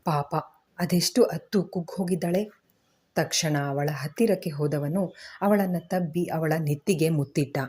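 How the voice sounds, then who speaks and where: A woman narrating a family story in a steady, emotive storytelling style. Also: sits low, moderate pace.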